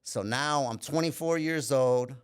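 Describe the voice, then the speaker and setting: A Minneapolis-born man tells his life story on a podcast in a relaxed interview, speaking candidly and thoughtfully. His voice is medium-pitched and clean, and he keeps saying "you know" while stopping and restarting his thoughts.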